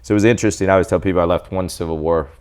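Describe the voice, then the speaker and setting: Speaking very fast in a low, smooth voice, a doctor in his forties from El Salvador shares his life story as an interview guest. The conversation is casual, and he's animated, quoting people along the way.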